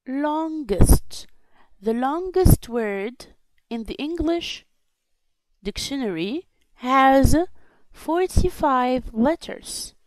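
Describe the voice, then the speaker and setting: Slow, careful Tunisian woman teaching English. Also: fairly high pitch, a little mellow, no room sound, poor audio. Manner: repeats sentences slowly and carefully, then translates. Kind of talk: slow classroom explanation, switching between English and Arabic.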